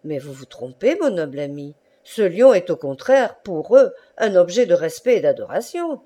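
A woman's voice: lowish voice, big pitch swings, normal speed, dark tone. A woman voicing a suave, worldly prince who explains things at length, in an audiobook reading. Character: smooth-talking worldly male prince, a schemer.

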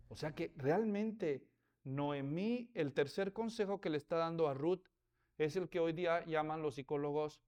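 A man's voice: a little high, darkish tone, smooth. A man preaching a sermon as pastor, telling stories with humor and rhetorical questions to the congregation.

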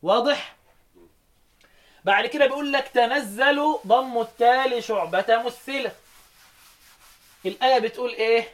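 A man with an Egyptian Arabic accent teaching Quran recitation. He quizzes his listeners with quick questions and then chants the verses slowly. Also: extremely high pitch, fairly bright tone. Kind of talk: lecture explaining recitation variants.

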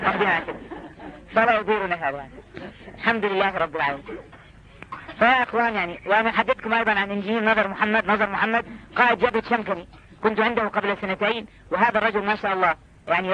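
A man's voice: high-pitched, sharp tone, muffled recording, slight background noise. A man preaching fervently to an audience, pressing them with rhetorical questions.

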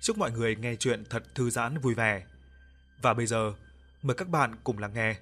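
A man narrating an audio ghost story in a calm, even reading voice. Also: medium pitch, normal speed. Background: soft background music.

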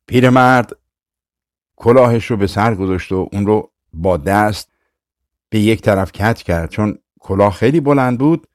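A man narrating a fairy-tale audiobook in a calm, measured storytelling manner. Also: fairly low pitch, dry recording, clean studio sound.

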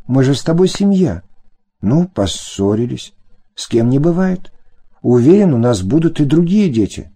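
A man's voice: mid-range voice, big pitch swings, normal speed, mellow, breathy edge. A man voicing a hypocritical husband who talks in an ingratiating, whining way in an audiobook. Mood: fawning.

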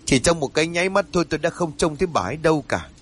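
A frightened village chief, voiced by a male narrator stammers and hesitates, his husky voice swinging in pitch. He sounds shaken but insistent, as in a storybook reading. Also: lively intonation, rapid-fire.

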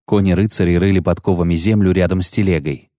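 Deep-voiced male audiobook narrator. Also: steady tone, fast talker, dark tone, dry recording, clean studio sound. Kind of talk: scripted fantasy audiobook narration.

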